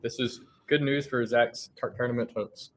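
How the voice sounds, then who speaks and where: A man's voice: mid-range voice, fairly even intonation, normal speed, rough recording. Man commentating a chess game live. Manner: thinks aloud with frequent restarts and fillers.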